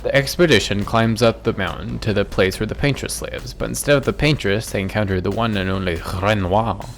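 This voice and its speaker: A man's voice: on the low side, brisk, creaky. A man giving a casual, joking recap of a video game's story, rambling into offhand asides. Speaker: gaming YouTuber.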